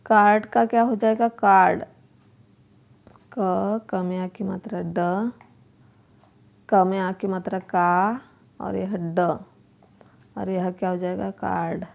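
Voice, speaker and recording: A woman's voice: mid-range voice, flat delivery, creaky, highs cut off. A woman teacher going through workbook exercises, repeating each word and asking questions aloud. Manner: slow, repeats words and asks questions to the pupils. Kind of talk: workbook lesson explanation.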